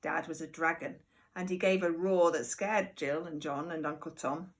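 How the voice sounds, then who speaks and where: In a voice that sits low, a woman at home reads a picture book to small children in a primary-teacher style, with expressive, deliberate delivery and chatty asides along the way.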